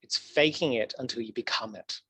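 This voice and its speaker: A man talking as a podcast guest in casual interview chat, animated and laughing often, his voice swooping up for emphasis. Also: mid-range voice, fairly quick, husky, dry recording. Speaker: podcast guest, historical archivist.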